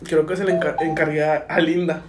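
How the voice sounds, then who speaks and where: A man's voice: on the high side, fairly quick, roomy sound, over music. A young Mexican man chatting casually, animatedly telling stories and acting out the voices of the people in them. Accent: Mexican Spanish. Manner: animated storyteller acting out quotes, laughing often. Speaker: podcast co-host. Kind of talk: casual chat.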